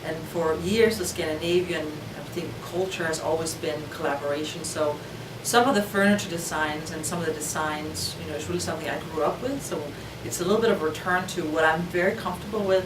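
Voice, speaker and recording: Woman with a low voice. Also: a little fast. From Denmark. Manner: reflective, with frequent fillers. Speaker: organization leader. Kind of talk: interview talk for a corporate video. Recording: roomy, distant mic, background noise.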